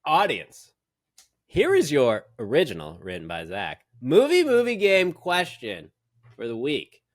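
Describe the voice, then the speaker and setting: A man's voice: medium pitch, measured pace, no echo, clean studio sound. A man co-hosting a podcast in casual chat, teasing his friend and reading out quiz questions. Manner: teasing, animated. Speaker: podcast co-host. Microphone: phone camera.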